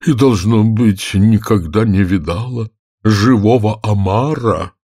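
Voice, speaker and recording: A man voicing the weepy, melancholy Mock Turtle in an audiobook, with a sobbing, drawn-out sing-song delivery. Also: lowish voice, warm tone, breathy edge, no echo, clean studio sound, pitched above the performer's own voice, full character voice. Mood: tearful. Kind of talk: audiobook character voice.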